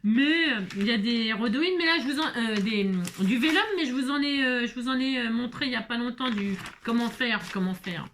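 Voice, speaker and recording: Woman, craft tutorial host; casual, rambling, talks to herself and the viewers, slightly high voice. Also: fairly quick, hardly any pauses, a bit bright, a little hiss or hum. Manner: chatty, rambling, lots of filler words and self-talk.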